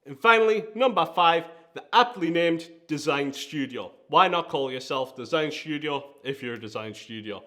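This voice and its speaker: A man with a Geordie accent, the founder of a design agency, hosts a presenter-style countdown video. His slightly high voice is expressive and sharp in tone, at normal speed with few pauses. He sounds enthusiastic and emphatic.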